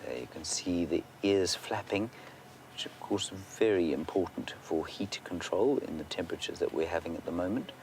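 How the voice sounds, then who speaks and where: A man working as a safari guide, giving unscripted live wildlife commentary and answering viewer questions, sometimes hushed toward a near-whisper. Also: low-pitched, normal speed. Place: outdoors in an open safari vehicle. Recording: outdoor vehicle and bush ambience noise.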